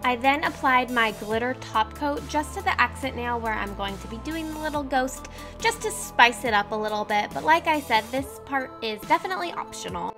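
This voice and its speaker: Music plays in her bedroom as a young woman in her twenties, a beauty vlogger, chats through a nail art tutorial a little fast. Her high voice has lively intonation, and she cheerfully teases herself along the way.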